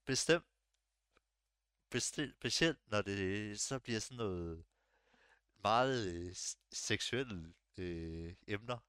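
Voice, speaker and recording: A young man chatting casually on a podcast, relaxed and hesitant, with lots of fillers and restarts. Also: fairly low pitch, pauses often, clean tone, dry recording, clean studio sound. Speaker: podcast co-host. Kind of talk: casual chat.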